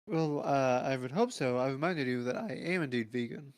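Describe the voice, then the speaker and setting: A man voicing an earnest, polite vegan monk who talks haltingly and stammers. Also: medium pitch, dry recording, close to an everyday voice.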